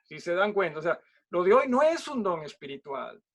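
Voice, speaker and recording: A Peruvian pastor teaches a Bible study in a loose, conversational way, checking in with his listeners after almost every phrase. He is a man with a fairly high speaking voice. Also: very animated, normal speed, fairly bright tone. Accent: Peruvian Spanish. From Peru. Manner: chatty, asks "¿no?" and "¿sí?" after nearly every phrase, jokes.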